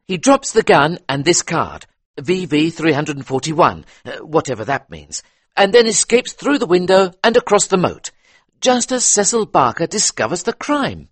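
A man doing a high, loud, eager police inspector. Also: sing-song, normal speed, husky, no room sound. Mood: explaining. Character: Scotland Yard police inspector, male, brisk and talkative. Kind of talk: audiobook character reading.

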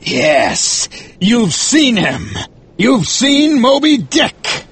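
A man's voice: very high-pitched, sing-song, drawn-out words, fairly bright tone, slightly rough, pitched above the performer's own voice, heavily acted. A man voicing a fierce, obsessed, vengeful whaling captain with intense, roaring, dramatic delivery, as in an audiobook.

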